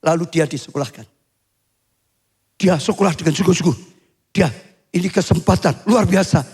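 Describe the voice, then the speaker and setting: Older male pastor, high voice. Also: husky. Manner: swings to high shouting when acting out cries. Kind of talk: sermon.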